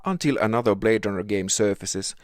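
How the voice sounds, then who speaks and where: A man's voice: lowish voice, a little fast, no echo, clean studio sound. A man with a Finnish accent reading a scripted video essay narration as the host of a game review show.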